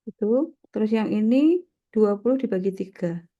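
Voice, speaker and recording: Her voice sits mid-range with a dark tone, expressive and moderately paced, though the audio is dull. A slight cold makes this Indonesian math lecturer sound nasal as she teaches step by step at university level, regularly adding brief check-in tags.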